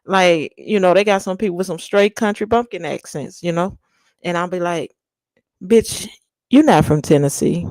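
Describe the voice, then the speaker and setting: On her livestream, a young Texas woman with a hint of Louisiana in her accent chats bluntly and sassily with viewers, laughing and telling slangy stories. Her voice sits fairly low with a darkish tone, and there's no room sound.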